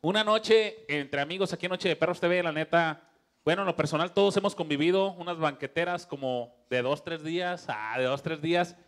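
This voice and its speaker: A man with a Mexican accent hosting a comedy talk show, loud and hyped as he talks up the guests. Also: fairly high pitch, a little fast. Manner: loud and hype. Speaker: show host.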